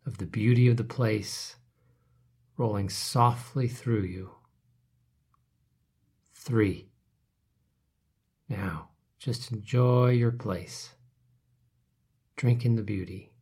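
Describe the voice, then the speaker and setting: A man leading a guided relaxation meditation, speaking softly and calmly, his phrases trailing off into whispers. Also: medium pitch, slightly rough. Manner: soft, calm, trailing off to whispers.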